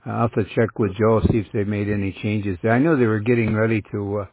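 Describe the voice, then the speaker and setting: A man's voice: on the low side, fairly even intonation, fairly quick, breathy edge, dry recording. A man working as an amateur radio operator, chatting casually over a two-way radio. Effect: two-way radio transmission. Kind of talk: casual ham radio chat. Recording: tinny, roomless narrowband radio.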